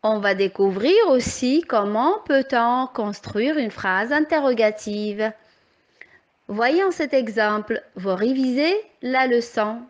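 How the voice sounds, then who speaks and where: A young woman teacher explaining a grammar lesson to young children, patient and carefully articulated, with clearly rising questions. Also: fairly high pitch, highs cut off. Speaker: primary school teacher.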